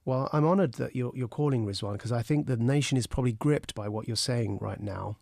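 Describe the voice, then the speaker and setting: Man, radio host, gravelly voice, dry studio sound, earnest questions. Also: mid-range voice, fairly quick, a little mellow, dry recording. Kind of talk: radio phone-in interview.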